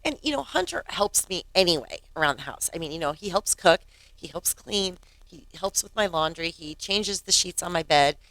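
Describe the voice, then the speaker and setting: A woman's voice: fairly low pitch, expressive, normal speed, fairly bright tone, dry recording. A woman in her fifties hosting her podcast, telling a story in a casual chatty way, often laughing and acting out what others said. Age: 50s. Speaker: podcast host.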